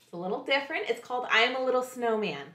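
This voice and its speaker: A woman's voice: fairly high pitch, animated, fast talker, fairly bright tone, roomy sound. A woman, a children's librarian, reading picture books aloud to young kids in a playful way, often asking them questions.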